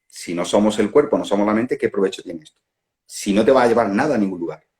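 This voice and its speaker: Un hombre con acento de España que da una charla espiritual reflexiva con calma, pensando en voz alta y riéndose de sus propios ejemplos, grabado con un teléfono en una transmisión en directo. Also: male voice, fairly low pitch. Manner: unhurried, musing, laughs at own examples. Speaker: non-duality facilitator. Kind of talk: reflective spiritual talk. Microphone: phone on a live stream.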